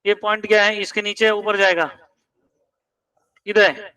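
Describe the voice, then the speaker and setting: A man's voice: sits high, fairly even intonation, unhurried, bright, forceful tone, clean tone, far from the mic, poor audio. A man teaching math in a classroom, quizzing students and pressing them to check each step. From India.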